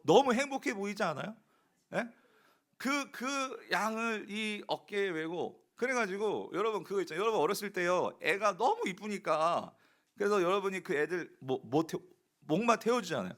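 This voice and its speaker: Male pastor, really lively up and down voice, chatty sermon, keeps asking the people questions. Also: high-pitched. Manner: conversational, storytelling delivery.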